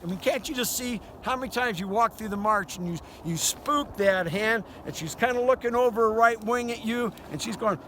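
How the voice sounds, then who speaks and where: Older man, raised pitch, folksy instructor, casual outdoor lesson, noisy open-air recording. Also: moderate pace, few pauses. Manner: folksy, conversational. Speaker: duck calling instructor. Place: outdoors by a river. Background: outdoor noise, duck call quacks.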